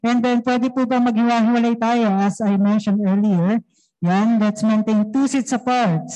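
Mellow-voiced Filipino host leading prayer. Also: medium pitch, steady tone, measured pace, big-room sound, rough recording. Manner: earnest, mixing English and Tagalog. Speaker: youth fellowship host. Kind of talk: opening remarks and prayer.

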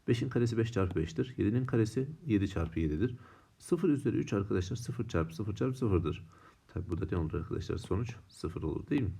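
A man's voice: fairly low pitch, warm tone. A man teaching middle-school math, explaining step by step in a patient, repetitive way and asking the students questions. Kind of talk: classroom math lesson.

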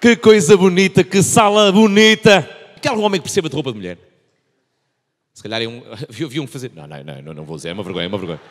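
A man in his thirties performs stand-up with a European Portuguese accent. His voice is high and very animated, repeating phrases for effect, with the long reverb of a big theatre. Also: very fast. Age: 30s. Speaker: stand-up comedian. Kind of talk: stand-up comedy routine. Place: large theatre stage. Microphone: handheld microphone.

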